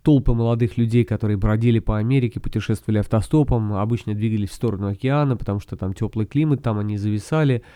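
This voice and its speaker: A man speaks in a low, very dark and relaxed voice, recorded dry. He hosts a conversational podcast, thinking aloud with frequent hesitations as he explains. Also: clear, resonant tone, no echo. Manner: halting, reflective, explanatory. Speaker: podcast author and host.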